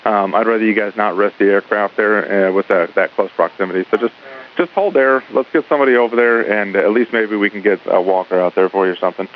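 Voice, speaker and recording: Fast male controller on tinny radio. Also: lowish voice. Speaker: air traffic ground controller. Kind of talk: air traffic control radio instructions. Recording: phone-like narrow radio with faint hiss.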